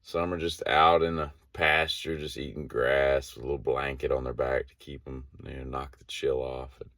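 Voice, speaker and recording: A man with a very low voice tells a long, meandering story from his day. He talks in a loose, chatty way, full of fillers and little asides. The sound is dry and close, with no room echo. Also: little pitch movement, normal speed, a bit bright. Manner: rambling, many fillers, acts out quoted voices. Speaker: daily vlogger. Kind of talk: casual storytelling monologue.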